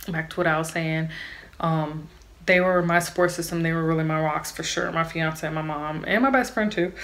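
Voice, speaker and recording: Candid young woman with a bright voice. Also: low voice. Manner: candid, chatty, addresses viewers directly. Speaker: vlogger. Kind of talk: storytime vlog.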